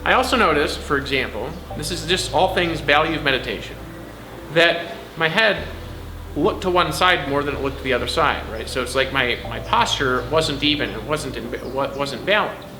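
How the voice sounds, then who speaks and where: A man's voice: a little high, lively intonation, moderate pace. Man teaching meditation in an echoey room. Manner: rambling, conversational, with frequent "right?" and "like" tags. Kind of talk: casual meditation instruction to camera. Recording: echoey room with music behind. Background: background music.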